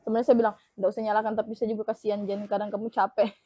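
A young woman hosting an online shop live stream, pitching a product in upbeat, repetitive patter full of pet names for her viewers. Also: level tone, very fast, warm tone, no room sound.

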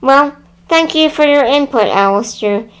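A woman's voice: high-pitched, measured pace. A woman hosting a storytime video, chatting cheerfully about a children's book and thanking her viewers. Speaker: channel host reading a children's book. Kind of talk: casual storytime chat.

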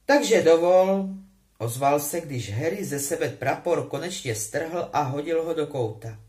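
A woman reading a novel aloud with an expressive, animated delivery. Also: deep voice. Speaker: audiobook reader.

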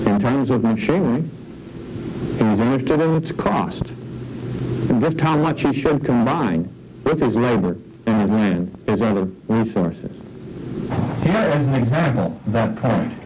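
A middle-aged man presenting an educational film on farm management, explaining in a measured way and posing questions, seated in an office. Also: mid-range voice, background noise. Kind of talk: scripted educational narration.

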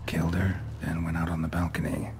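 An actor playing a terse, stoic middle-aged monster hunter in a video game, speaking in short clipped sentences. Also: male voice, extremely low pitch, flat delivery, a little fast, darkish tone, a little hiss or hum. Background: game music.

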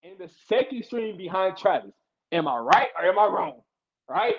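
A man's voice: high voice, sing-song, moderate pace, highs cut off, very noisy. A man giving football analysis as a guest on a sports talk show, explaining insistently and repeating himself to drive his point home.

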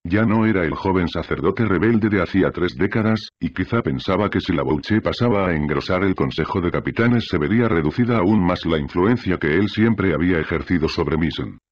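A man narrating a novel in a steady, measured audiobook reading. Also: low-pitched, no room sound, muffled recording.

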